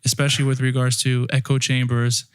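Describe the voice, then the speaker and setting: A man's voice: medium pitch, level tone, fairly quick, clean tone, no echo, clean studio sound. A young man who grew up in France, co-hosting a podcast, talking things through with thoughtful restarts. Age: young adult. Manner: thoughtful, restarts phrases while explaining. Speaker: podcast co-host. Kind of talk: casual discussion.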